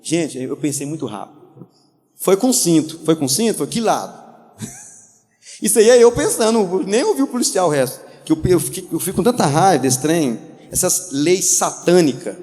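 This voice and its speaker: Animated preacher, man, higher voice, storytelling style, reverberant hall. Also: moderate pace. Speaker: pastor. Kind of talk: lively sermon with anecdotes.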